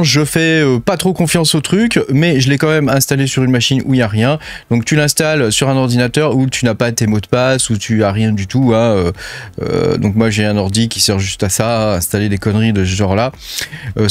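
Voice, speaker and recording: Recorded dry, a medium-pitched man with a French accent gives a casual tour of the apps on his screen for his crypto channel. He rambles chattily, drops plenty of fillers and "hein," and speaks to the viewer with "tu."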